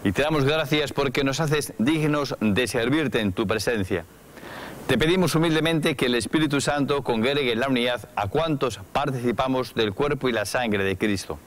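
A man leading Mass as the priest, reciting the liturgical prayers in a solemn, measured way in a small chapel. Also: medium pitch, a little hiss or hum. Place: small chapel studio with brick wall.

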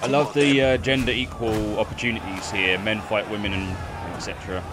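A man's voice: lowish voice, steady tone, fairly quick, music in the background. A man casually chatting with viewers while streaming a game, laughing easily. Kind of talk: casual chat while playing.

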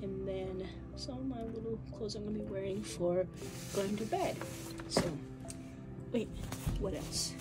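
A woman's voice: mid-range voice, measured pace, pauses often, over loud music. A young woman from Zambia, chatting casually in a vlog while she packs in her bedroom, laughing often and using many fillers. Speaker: vlogger. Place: bedroom at home.

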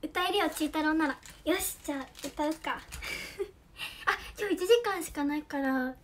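A young woman livestreaming as an idol, chatting casually and thanking viewers by name, her voice slightly hoarse. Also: high-pitched, a little slow, a little hiss or hum. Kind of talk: casual livestream chat, reading viewer comments. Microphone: earphone mic.

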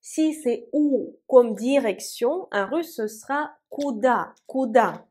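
Woman teacher, higher voice, slow repetitive drilling. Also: lively intonation, a little mellow, breathy edge. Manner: slow, careful repetition of example words. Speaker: language teacher. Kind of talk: Russian lesson for French speakers.

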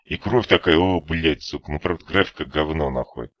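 A man's voice: a bass voice, brisk, a bit bright, no room sound, dull audio. A man giving rambling, profanity-filled commentary while playing a game, irritated and ranting. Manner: constant swearing, rambling and irritated. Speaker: gameplay commentator. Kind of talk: profane let's-play commentary.

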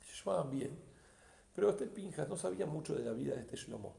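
Argentine rabbi, gravelly and echoey. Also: male voice, fairly high pitch, animated, fairly quick. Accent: Argentine Spanish. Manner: swings between quiet narration and loud emphatic bursts. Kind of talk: weekly sermon with storytelling. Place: synagogue community hall. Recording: echoey room.

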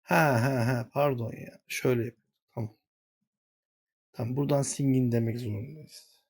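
A man's voice: medium pitch, steady tone, moderate pace, darkish tone, slightly rough. A man hosting a gaming channel, walking viewers through a screen-share tutorial and muttering to himself when he gets flustered.

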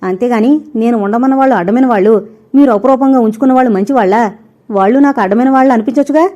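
A woman's voice: fairly high pitch, muffled recording, close to an everyday voice. A woman voicing a furious defiant daughter-in-law. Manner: shouting, rapid, relentless.

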